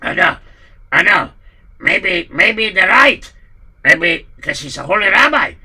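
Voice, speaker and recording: A man voicing a landowner's wife in a high, scolding falsetto. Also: big pitch swings, slow, sharp tone, breathy edge, far from the mic, heavily acted. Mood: urgent. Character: shrewd noblewoman, landowner's wife, insistent.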